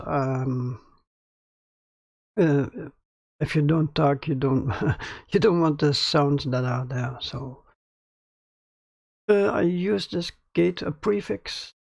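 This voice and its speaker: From his small home studio, a man with a crackly, gravelly voice on the high side records a casual screen-capture tutorial on a close mic roughly ten centimeters off. He hesitates often, using fillers and starting over. The sound has no echo.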